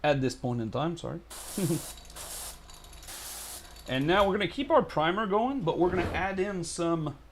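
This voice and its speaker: A man's voice: fairly high pitch, expressive, unhurried, pauses often, a little hiss or hum. Chatty, rambling man. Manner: rambling, chatty, lots of fillers and restarts; jokey, talks to chat. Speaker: miniature painting streamer. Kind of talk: casual live painting tutorial.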